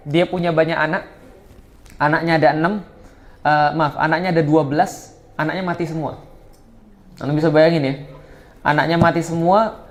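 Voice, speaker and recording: A male preacher giving an Islamic study lecture in a conversational way, correcting himself and adding teasing asides. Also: fairly high pitch.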